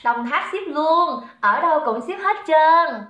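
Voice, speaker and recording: A woman's voice: high voice, animated, slow, bright, forceful tone. A young woman from Saigon with a Southern Vietnamese accent, hosting a live sales stream, chatting and joking with viewers and greeting them by name. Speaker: livestream seller. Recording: roomy echo.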